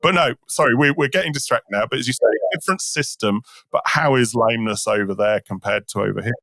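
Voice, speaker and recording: A man's voice: mid-range voice, fast talker, vocal fry, pushed and bright, dry recording, studio quality. A man hosting a casual podcast interview, chatty and fond of anecdotes in which he acts out the quotes. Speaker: podcast host.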